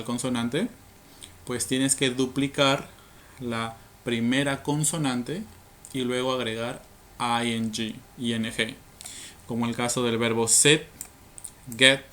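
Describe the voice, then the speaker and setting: A man's voice: mid-range voice, fairly bright tone, a little hiss or hum. A man teaching English grammar to learners, explaining rules patiently step by step, with frequent fillers and tag questions.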